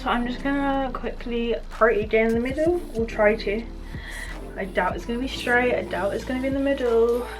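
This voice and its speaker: A woman's voice: on the high side, normal speed, over music, rough recording. A woman vlogging casually about her routine, chatty and informal with self-deprecating asides. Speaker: beauty vlogger.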